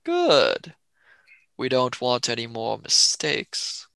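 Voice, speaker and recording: A man playing an arrogant, scheming politician who speaks in a smooth, commanding and self-assured way. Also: medium pitch, wildly swooping pitch, slow pace, bright, forceful tone, dry recording, exaggerated voice.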